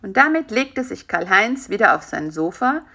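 Bright, lively woman reading a children's story. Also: mid-range voice, normal speed.

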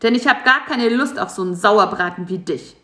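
A woman's voice: mid-range voice, animated, brisk, fairly bright tone, voice pushed up, close to an everyday voice. A woman voicing a grumpy, lazy male spider in a storybook, grumbling and snappy. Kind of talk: storybook voice acting. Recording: echoey room.

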